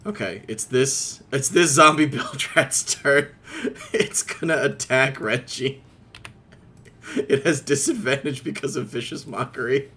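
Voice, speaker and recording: A man running a tabletop game as game master, excitable, laughing often and swearing freely. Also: mid-range voice, unhurried, slightly rough.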